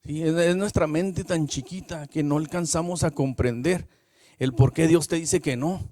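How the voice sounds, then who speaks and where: A man, preaching a sermon from the pulpit. He keeps checking in with the congregation and builds to loud, repeated phrases. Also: on the high side, normal speed, dry recording, clean studio sound. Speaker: minister.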